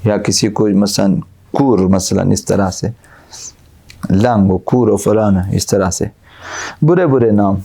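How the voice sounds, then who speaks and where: A male cleric delivering a religious lecture in a gravelly, mellow voice. He recites Arabic verses, then explains them with plain, repetitive examples. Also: lowish voice, long pauses. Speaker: Islamic cleric.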